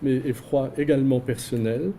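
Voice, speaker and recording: A man giving an academic lecture in a seminar, measured and posing rhetorical questions. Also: mid-range voice, fairly even intonation, vocal fry, warm tone, slight background noise, low-quality recording. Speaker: invited researcher giving a lecture. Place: seminar room.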